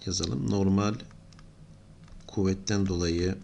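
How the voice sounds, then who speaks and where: Gravelly low-voiced man teaching step by step. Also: slow, a little hiss or hum. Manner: steady explaining, thinking aloud while writing. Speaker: engineering lecturer. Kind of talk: whiteboard lesson.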